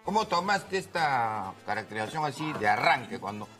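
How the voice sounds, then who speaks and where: A man with a Peruvian accent hosting a comedic talk show, playful and teasing, sometimes breaking into shouts. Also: mid-range voice, very animated, moderate pace. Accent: Peruvian Spanish. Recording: studio with music and audience noise.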